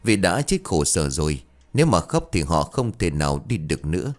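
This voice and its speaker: A man playing a modest, earnest village exorcist who talks gently and politely. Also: low-pitched, very animated, normal speed. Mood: consoling.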